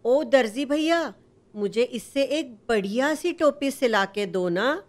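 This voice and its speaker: A woman's voice: high voice, animated, takes it slowly. A woman voicing a small, cheerful male mouse who pleads and boasts in a sing-song way. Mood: eager.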